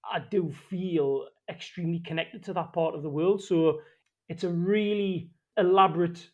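A man's voice: high-pitched, fairly even intonation, moderate pace. A man with a Geordie accent talking reflectively about himself in a tentative, self-qualifying way. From Newcastle region, North East England. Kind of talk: reflective personal talk. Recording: dull, lo-fi sound.

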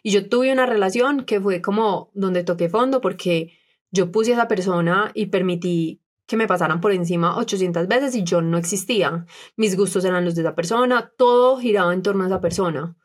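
A woman's voice: medium pitch, a little fast. A young woman, co-hosting a podcast and speaking candidly about personal matters, often acting out what others said. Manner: earnest, animated quoting of others. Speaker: podcast co-host.

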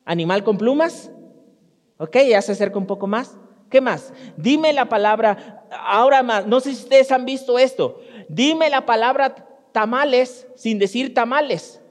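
Pastor, man, very high voice, chatty sermon to the congregation, long church-hall reverb. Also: a little slow. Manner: speaks directly to the congregation, storytelling with frequent restarts. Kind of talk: conversational sermon.

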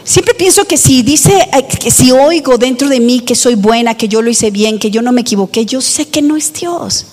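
A woman's voice: on the high side, animated, normal speed, hardly any pauses, a little mellow, long reverb tail. A woman preaching a sermon, emphatic, with rhetorical questions to the congregation.

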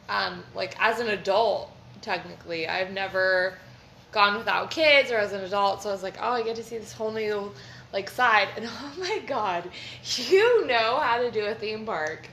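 A woman co-hosting a casual chat, animated and swearing freely as she tells stories. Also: mid-range voice, moderate pace, creaky, roomy sound, slight background noise.

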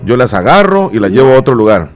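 A man's voice: mid-range voice, big pitch swings, fast, soft background music. A middle-aged man hosting a casual morning radio chat, cheerful and repeating words for emphasis. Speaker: radio show host.

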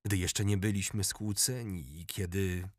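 A man voicing an enthusiastic, excitable male courtier who talks in an animated, questioning way, with a husky voice. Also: deep voice, unhurried, dry recording, clean studio sound. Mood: eager.

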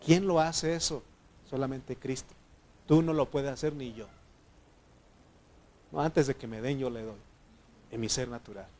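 A man preaches in a relaxed, talkative way. His voice sits at an ordinary middle pitch. He keeps turning to the congregation with questions. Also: a little slow, pauses often, a little hiss or hum. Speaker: pastor. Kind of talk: sermon.

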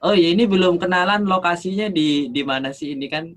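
A man's voice: sits high, fairly quick. A man from Surabaya interviewing a guest casually, nodding along with frequent agreement. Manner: frequent backchannel agreement, relaxed questions.

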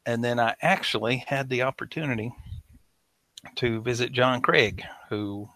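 A man's voice: mid-range voice, fairly even intonation, a little slow, sharp tone, dry recording. A man with a Southern US accent, talking in a laid-back way as a podcast co-host in a casual chat.

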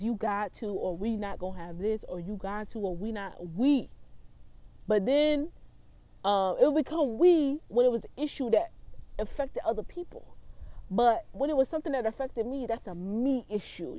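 A woman's voice: on the high side, warm tone, dry recording. A woman in her twenties telling a personal story in a vlog, talking in a blunt, profane and emphatic way. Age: 20s. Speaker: vlogger.

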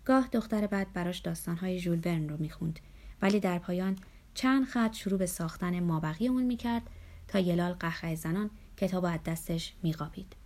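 A woman reading a first-person novel aloud as an audiobook narrator, in a steady, measured way. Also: fairly low pitch.

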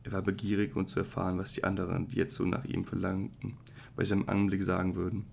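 A man narrates a classic novel as an audiobook. His voice is very low and monotone, with heavy vocal fry. A faint background hiss runs under the measured reading. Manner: measured, even reading with occasional slips. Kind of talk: calm literary audiobook narration.

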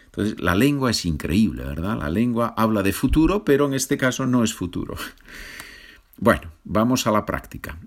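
A man's voice: lowish voice, animated, moderate pace. A man teaching a Spanish grammar lesson, speaking patiently, repeating each example and checking in with the learner. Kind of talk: slow, clear grammar lesson.

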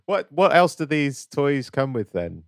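A man's voice: medium pitch, big pitch swings, unhurried, no room sound, clean studio sound. A man co-hosting a comedic chat, laughing often, stammering and repeating words as he plays dumb. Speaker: co-host.

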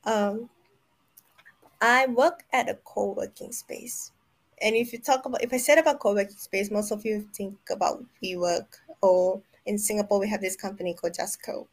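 A woman's voice: medium pitch, fairly even intonation. A woman co-hosting a casual podcast who rambles, halts and corrects herself as she talks. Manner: rambling, halting, self-correcting. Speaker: podcast co-host.

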